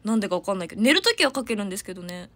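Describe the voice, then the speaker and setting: A woman's voice: medium pitch, big pitch swings, very fast. A young woman, chatting casually and giggling on a livestream from her family home, reading out viewer comments. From Hiroshima, Japan. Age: young adult. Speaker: idol livestreamer.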